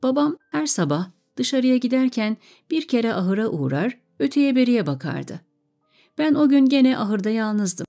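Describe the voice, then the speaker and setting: A woman reading a story aloud in a calm, measured way. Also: on the high side, soft background music.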